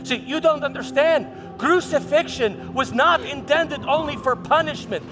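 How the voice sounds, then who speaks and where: A man playing Pontius Pilate as a proud, tormented Roman governor in an impassioned, halting theatrical monologue. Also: very high voice, voice pushed up. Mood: grim, intense. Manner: impassioned, halting, dramatic, with stammered repeats. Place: large church hall. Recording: reverberant hall with music.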